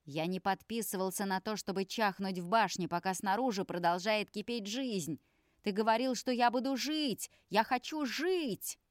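Woman doing a raging, tearful young male vampire for an audiobook; pitch pushed up, dry close read. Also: moderate pace, few pauses, no room sound, lightly acted. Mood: angry pleading. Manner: shouting, pleading outbursts.

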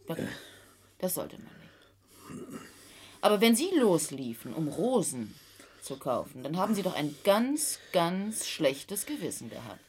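A needling quiz interrogator. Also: female voice, fairly low pitch, unhurried, long pauses. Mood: probing. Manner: calm, needling, insinuating questions. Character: cool, probing female game-show interrogator. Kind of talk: radio play acting.

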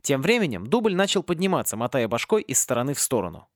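A man narrating a comic fantasy audiobook in an expressive reading. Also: mid-range voice, quick pace, dry recording, studio quality. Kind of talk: scripted narration.

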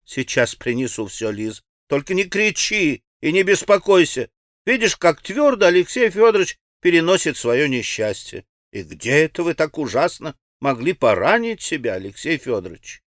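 A man's voice: fairly high pitch, sing-song, moderate pace, fairly bright tone, no room sound, clean studio sound, voice pushed up. A man voicing a gushing, fretful society lady. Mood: soothing. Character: excitable fussy middle-aged society lady.

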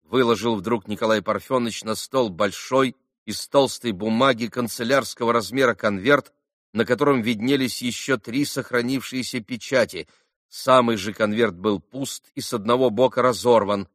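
A man narrating a classic novel in an even, calm audiobook reading. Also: mid-range voice, normal speed, no echo, studio quality.

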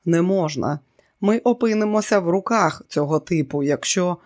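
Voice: medium pitch, moderate pace, lightly acted. Reader doing nervous pilot, worried, pleading, audiobook. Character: nervous man, helicopter pilot. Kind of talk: audiobook character reading.

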